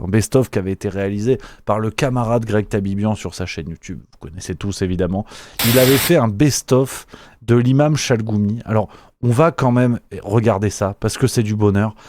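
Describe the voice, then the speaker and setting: A man's voice: on the low side, normal speed, a little mellow, no echo. A man hosting a satirical news show, mocking and sarcastic, rambling with lots of fillers. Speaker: show host.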